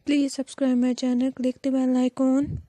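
A woman channel host reads a scripted voice-over in a very flat, slightly high voice. Her tone is soft and mellow, and she has a sore throat. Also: moderate pace, no room sound.

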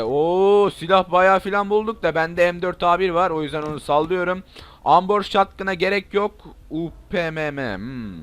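A young man with a fairly high-pitched voice talks his viewers through a game in loose, casual commentary. He drifts between relaxed musing and loud, excitable outbursts at enemies. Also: clear, resonant tone. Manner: excitable, shouts and curses at zombies. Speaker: gaming YouTuber. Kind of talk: let's play commentary.

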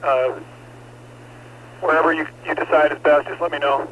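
A man commands a fire scene over a static-laden two-way radio. His slightly high voice stays in a narrow, even range as he gives urgent, terse firefighter orders, with brief hesitations. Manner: terse, directive, hesitant pauses with uh. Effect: two-way radio transmission. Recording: noisy, clicking, band-limited fire radio traffic.

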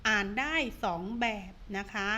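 Slow, sing-song woman teacher drilling words. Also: sharp tone. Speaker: primary school teacher. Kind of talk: online reading lesson.

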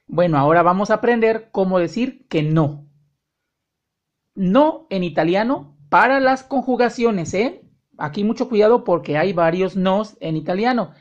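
A woman teaching an online language lesson, speaking directly to the learner and drawing out her example sentences slowly. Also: mid-range voice, animated, lo-fi sound. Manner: slow, drawn-out example sentences, friendly direct address. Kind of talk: online lesson explaining grammar.

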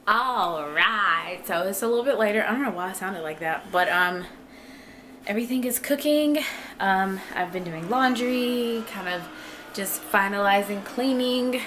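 Woman, home vlogger, mid-range pitch, informal, slangy, playful, handheld camera, clear background noise. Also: fairly bright tone. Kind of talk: casual vlog chat with narrated cooking.

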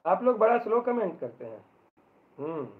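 A male teacher giving a live online English lesson in Hindi, joking as he explains and reading the English passages aloud very slowly. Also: high voice, sing-song. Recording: tinny phone-like audio.

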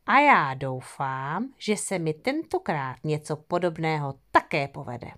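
A woman's voice: low-pitched, sing-song, a bit bright, pitched below the performer's own voice. A woman voicing a sly, greedy female fox in an audio fairy tale, grumbling indignantly under her breath. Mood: gleeful.

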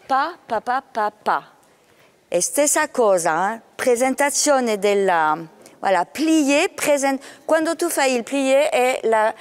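Lively woman coaching a ballet student. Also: fairly high pitch, smooth. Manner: mixes languages, counts and sings out rhythms. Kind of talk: coaching a dancer in class.

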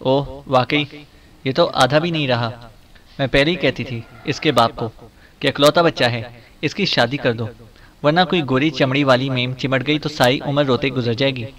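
A man's voice: normal speed, natural voice. A man voicing a fierce scolding old mother. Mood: angry scolding. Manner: loud, shrill scolding.

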